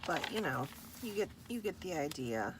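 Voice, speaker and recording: A woman showing her handmade journals in a casual vlog, relaxed and unhurried, with a husky morning voice and some throat clearing. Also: deep voice, noisy background. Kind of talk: casual show-and-tell vlog.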